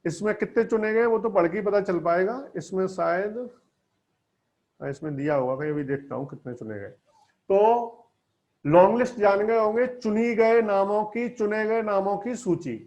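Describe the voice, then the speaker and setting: A man's voice: sits high, moderate pace, darkish tone. A man teaching English vocabulary from a newspaper, explaining each word and quizzing his students with questions. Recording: dull lo-fi sound.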